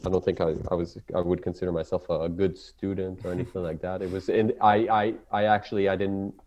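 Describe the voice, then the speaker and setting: As a guest in a casual interview, a Hebrew-speaking ecologist from Israel talks in accented, non-native English, pausing often to find words and leaning on fillers and restarts. He's low-pitched, with a level and slightly mellow tone.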